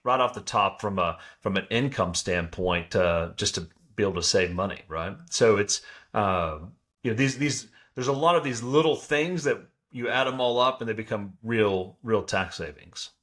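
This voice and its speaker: A man's voice: lowish voice, expressive, moderate pace, fairly bright tone. A man co-hosting an advice podcast as an accountant, explaining in a conversational way and often checking in with the listener. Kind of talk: casual advice talk.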